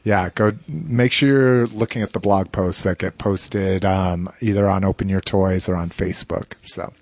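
Man, podcast host, casual chat, low voice, enthusiastic, dry close sound. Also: fairly even intonation, moderate pace, darkish tone, no room sound. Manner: chatty and enthusiastic, with frequent restarts and laughs.

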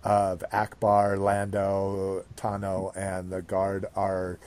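A male podcast host with a low, dark voice and an unhurried pace. He rambles casually about his hobby and swears freely. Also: monotone.

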